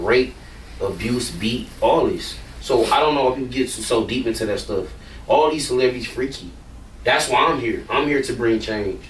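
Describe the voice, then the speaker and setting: A man's voice: fairly low pitch, echoey room, distant mic, slight background noise. A man, a rapper, talking casually and bluntly in an interview, rambling and swearing freely.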